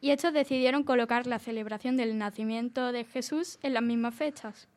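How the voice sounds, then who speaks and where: A woman presenting a short scripted segment on a casual group show, reading facts in a relaxed way. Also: a little high, a little fast.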